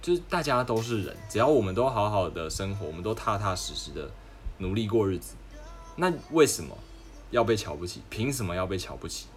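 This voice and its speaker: A man's voice: lowish voice, sing-song, brisk. Chatty young Taiwanese man. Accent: Taiwanese Mandarin. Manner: chatty storyteller, mimics others in raised voice. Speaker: livestream host. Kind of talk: casual chat. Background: background music.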